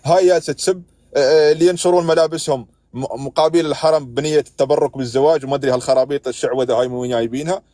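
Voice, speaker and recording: A man's voice: fairly high pitch, fairly even intonation, racing, warm tone, no room sound. A man with an Emirati accent hosting a heated live stream, scolding and arguing with callers. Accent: Emirati Arabic. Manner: exasperated, scolding, keeps interrupting callers.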